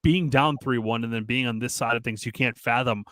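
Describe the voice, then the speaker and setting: A man's voice: mid-range voice, fairly quick, a bit bright, dry recording. Casual male co-host, profane banter, dry close mic. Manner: loose, profane, laughing banter. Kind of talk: casual sports betting chat.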